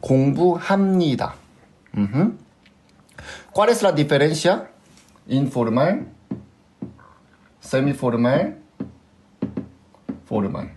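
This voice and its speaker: A man's voice: on the high side, expressive, takes it slowly, long pauses, darkish tone, a little hiss or hum. A man with a Korean accent teaching a language class, who patiently repeats examples and keeps asking his students if they understood. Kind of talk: live class explanation.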